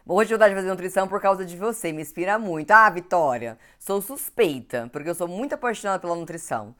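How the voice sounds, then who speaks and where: Her low voice has a fairly bright tone, and she talks fast with lively intonation. She's a young nutritionist from Brazil, fighting a cold while hosting an Instagram live on a home setup, greeting viewers by name in casual chat.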